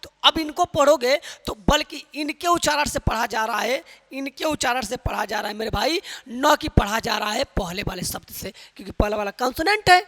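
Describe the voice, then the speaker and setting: High-voiced man teaching in an echoey hall. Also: animated, brisk, hardly any pauses, a bit bright. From Uttar Pradesh, India. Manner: drills students with repeated questions; calls listeners "my brother". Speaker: English teacher. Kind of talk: spoken-English lesson. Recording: long hall reverb.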